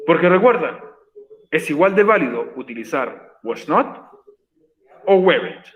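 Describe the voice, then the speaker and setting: A man's voice: on the high side, expressive, measured pace, a bit bright, echoey room. Patient man teaching a class. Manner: patient, encouraging, explains step by step. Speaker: English teacher. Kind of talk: online class explanation.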